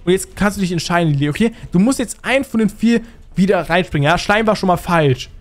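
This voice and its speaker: A young man hosting a gaming video with excited commentary. He is loud and teasing, and he talks straight to his viewers in slang. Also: high-pitched, fast.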